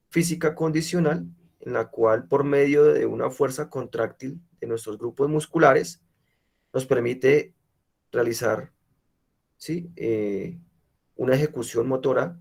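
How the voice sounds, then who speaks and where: Gravelly and somewhat dark in tone, his voice sits in the mid-range. Though he has a cold, he teaches a PE class online, explaining things step by step and peppering his lecture with rhetorical checks on his students.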